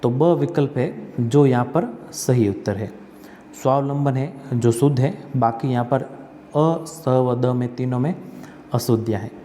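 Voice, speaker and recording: A man teaching an exam-prep spelling lesson, asking and answering his own questions and repeating words slowly. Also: medium pitch, dark tone, big-room sound, a little hiss or hum.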